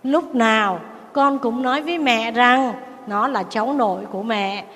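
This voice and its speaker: A woman's voice: a little high, moderate pace, a bit bright, in a large hall, lightly acted. A woman voicing a fed-up young daughter-in-law complaining to a nun. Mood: aggrieved. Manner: aggrieved, pleading.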